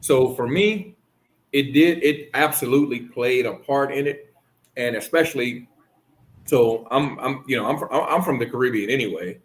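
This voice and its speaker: A man from the Bahamas hosts a loose, easygoing chat. He thinks out loud, circling back over his words with plenty of fillers. His voice sits at an ordinary middle pitch. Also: normal speed, low-quality recording. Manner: rambling, many restarts and fillers. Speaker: host. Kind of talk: casual chat.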